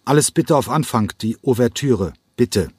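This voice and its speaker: A man reading an audiobook and voicing a hot-tempered male ballet choreographer who yells in fury. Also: animated, moderate pace, slightly rough, dry recording. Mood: stern. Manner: yelling in fury, rising high. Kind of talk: audiobook character voice.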